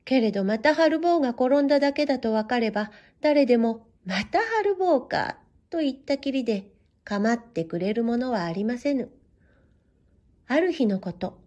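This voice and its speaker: A woman reading a children's story aloud in gentle, measured, old-fashioned storybook narration. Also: fairly high pitch.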